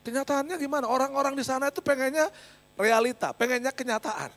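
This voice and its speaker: High-voiced man preaching with emphasis. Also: quick pace, fairly bright tone. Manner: emphatic, addresses the congregation as "saudara" again and again. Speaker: pastor. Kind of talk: sermon with personal testimony.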